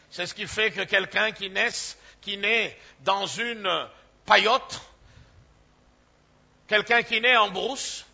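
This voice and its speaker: A man's voice: high-pitched, creaky, pushed and bright, lo-fi sound. A man preaching a sermon in an emphatic way, breaking off with calls of hallelujah.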